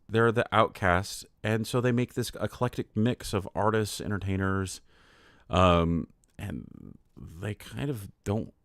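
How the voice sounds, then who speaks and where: Low and creaky, his voice comes through clean studio audio with no room sound at all. The weary host of a laid-back livestream, he reads out lore, chats, and keeps laughing and drifting off topic.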